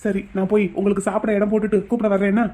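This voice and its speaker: A woman voicing a teasing young village man in a cartoon, quick and mock-dramatic. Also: mid-range voice, little pitch movement, mellow, natural voice. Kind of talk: Tamil cartoon voice acting.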